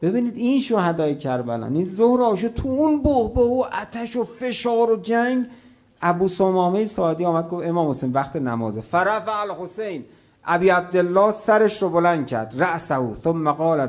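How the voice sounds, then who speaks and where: Impassioned male preacher, fairly high voice. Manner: addresses the audience directly as brothers and sisters. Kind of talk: religious sermon with recitation of a martyrdom story.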